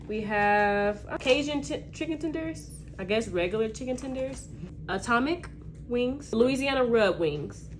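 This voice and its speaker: A woman's voice: fairly high pitch, animated, measured pace. A woman hosting a mukbang, chatting casually about the food in eating-video style. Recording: clearly noisy room recording.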